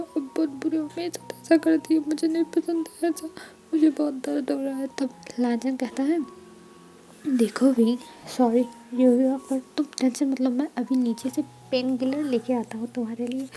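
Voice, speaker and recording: A young woman narrating a fanfiction story, reading every part herself and often dropping into a soft whisper. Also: on the high side.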